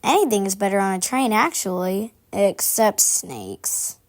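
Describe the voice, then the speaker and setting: A woman's voice: medium pitch, very animated, unhurried. A woman voicing a prim, busy, gossipy game character who confides in formal phrasing, aloof but chatty. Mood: gossipy, confiding. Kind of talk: scripted character monologue.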